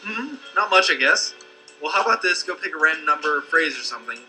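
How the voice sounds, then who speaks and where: Young guy doing a let's play, laughs a lot, lively bright voice, game music faint behind. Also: a little high, fast talker, poor audio. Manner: joking, laughing, reading choices aloud dramatically. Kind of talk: casual gameplay commentary.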